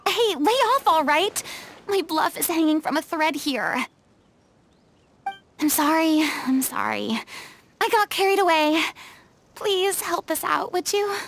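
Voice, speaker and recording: A woman's voice: very high voice, animated, takes it slowly, creaky, long pauses, a little hiss or hum, heavily acted. A woman voicing a theatrical, boastful young former goddess in a video game, with dramatic, showy delivery. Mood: sheepish. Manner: dramatic, showy, flustered bluster.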